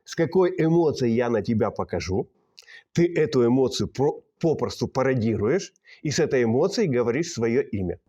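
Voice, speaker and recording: Male pantomime teacher, husky voice with lively intonation, instructive and punchy. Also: mid-range voice, moderate pace, muffled recording. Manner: energetic, instructive, with short emphatic phrases. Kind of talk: explaining and running a drama exercise.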